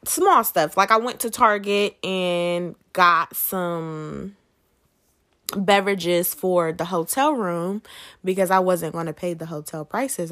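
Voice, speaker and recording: Her voice sits on the low side with a fairly bright tone as she hosts a solo podcast. She keeps it casual and chatty, posing questions to listeners.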